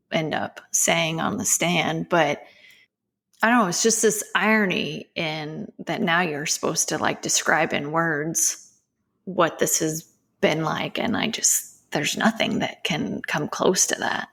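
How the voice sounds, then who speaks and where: Woman, podcast co-host, gravelly, lowish voice, earnest, halting, soft near-whispers. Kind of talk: casual podcast talk.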